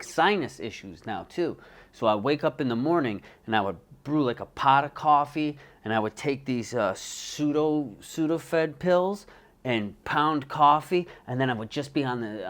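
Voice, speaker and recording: A man hosting a low-budget comedy show from his bedroom, talking in a rapid, self-deprecating, rambling way. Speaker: host. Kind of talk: comedic show host monologue.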